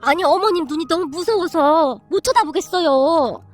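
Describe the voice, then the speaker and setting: A woman's voice: very high voice, moderate pace, faint music behind. A woman voicing a meek middle-aged mother-in-law, eager and trying hard to sound tough.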